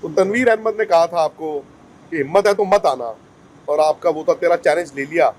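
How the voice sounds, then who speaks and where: A man asking brisk questions as a TV news interviewer. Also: a little high, darkish tone.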